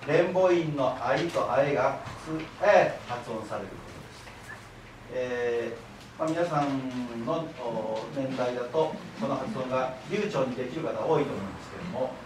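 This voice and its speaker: In a very echoey lecture hall, faint hiss in the background and his voice coming from far off, a library director delivers a public lecture. He speaks at a medium pitch and normal speed, explaining patiently and getting the audience to repeat words after him.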